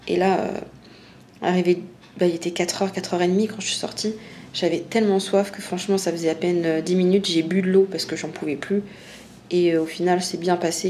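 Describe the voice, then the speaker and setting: A woman vlogger talks in a lowish, very creaky voice. She recounts things casually and candidly in everyday slang, with slight noise in the background. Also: a little mellow. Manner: candid, colloquial. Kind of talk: casual chat, personal recounting.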